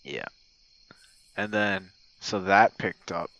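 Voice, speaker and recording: Speaking low and slowly with a fairly bright tone, a young streamer who makes online audio roleplay sends a laid-back voice message to a gamer buddy, rambling, putting himself down, and cursing a lot. The lo-fi audio has no echo, and crickets chirp in the night background.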